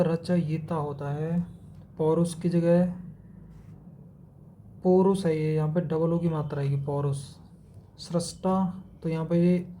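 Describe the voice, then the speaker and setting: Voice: mid-range voice, mellow, slight background noise. A teacher giving an exam-prep spelling lesson, methodically contrasting wrong and right word forms and mixing in English words. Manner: mixes English words into Hindi explanation.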